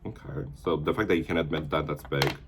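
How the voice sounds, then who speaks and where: A man's voice: very deep voice, steady tone, fast, a little hiss or hum. A man in his twenties hosting a casual chat with his partner, teasing and playfully blunt. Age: 20s. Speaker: vlogger host.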